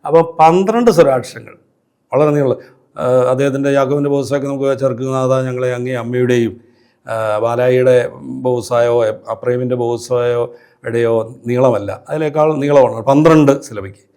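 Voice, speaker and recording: A male priest with a Kerala Malayalam accent teaching a liturgy class at a steady, measured pace. He explains step by step and fills his pauses with soft hesitation sounds. His pitch sits at an ordinary middle level. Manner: measured teaching with frequent fillers, briefly chants Syriac hymn lines. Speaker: priest lecturer. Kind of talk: liturgy lecture.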